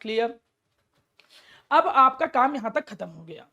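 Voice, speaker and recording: Woman, chemistry teacher, classroom lecture, fairly high pitch, question-and-answer manner. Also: animated, unhurried, pushed and bright. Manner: step-by-step, asks and answers her own questions; affectionately addresses the student.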